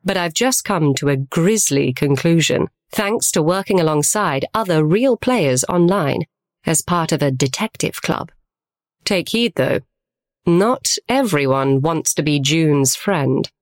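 A woman's voice: low voice, lively intonation, a little slow, dry recording, clean studio sound. A woman hosting a podcast and reading a scripted sponsor message. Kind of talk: scripted ad read.

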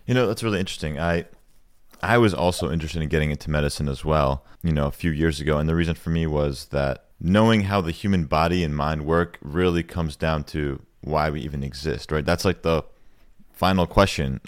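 Man, podcast host, very low voice, dry close sound, upbeat interviewer. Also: fairly quick, dry recording.

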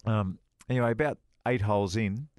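A middle-aged man, a former touring golf pro, co-hosting a podcast and telling an animated anecdote in casual chat. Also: a little fast, no room sound, studio quality. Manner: animated anecdote teller, rises high acting out quoted dialogue.

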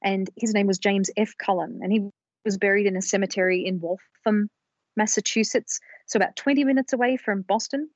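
Brisk and steady in tone, a woman with a mid-range voice presents research as a podcast co-host. Her explanation is careful and casual, with a few small restarts, captured in a dry, dull, lo-fi recording.

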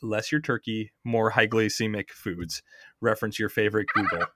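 A man's voice: fairly low pitch, moderate pace, background noise. A man hosting a podcast, casually explaining science step by step and often checking in with his co-host.

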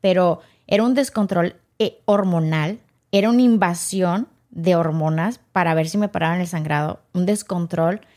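A woman, a podcast guest telling her own story with emotion and acting out the people in it. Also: medium pitch. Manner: animated, acts out quoted dialogue.

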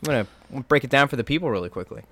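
A man trades playful jokes on a casual podcast. His voice swings up and down in pitch, and the recording is dry and close. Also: expressive, very fast, pushed and bright, no room sound. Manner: joking, playful teasing. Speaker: podcast co-host. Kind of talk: casual chat.

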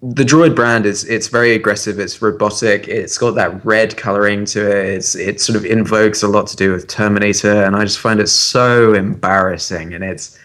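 A man co-hosting a casual tech podcast, opinionated and animated, with many fillers and restarts. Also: fairly low pitch, moderate pace, hardly any pauses. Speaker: podcast co-host.

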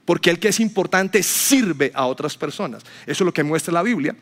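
Pastor guy preaching in church, high voice, tells stories and does the voices. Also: animated, brisk. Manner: storytelling, acts out quotes with rising voice. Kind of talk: sermon. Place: church hall with congregation.

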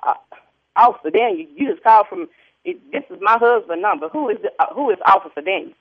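A woman's voice: medium pitch, lively intonation, fast talker, breathy edge, no echo. Agitated woman on a tinny phone line. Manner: agitated, repeats herself, laughs bitterly. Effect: heard over the phone. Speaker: prank call target.

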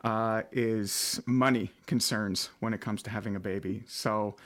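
A man's voice: lowish voice, steady tone, a little slow, a bit bright. Casting note: man, late 30s, talky podcast host, loose and rambling. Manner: chatty, rambling with many fillers. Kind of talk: casual podcast chat. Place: home basement studio.

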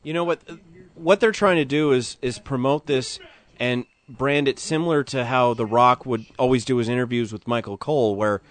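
A man's voice: medium pitch, moderate pace. A man giving casual, explanatory wrestling commentary as an analyst in a conversational manner.

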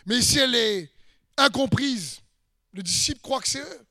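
A man with a very high, bright, ringing voice preaches an emphatic sermon. He hammers home repeated phrases, sometimes breaks into shouts, and asks the listener direct questions. The sound is dry and close. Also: animated, moderate pace, vocal fry, no room sound. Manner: speaks straight to the listener with questions.

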